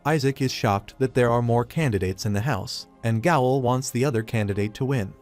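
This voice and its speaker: Guy narrating a comic recap, steady even delivery, mid pitch, light music behind. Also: a little fast.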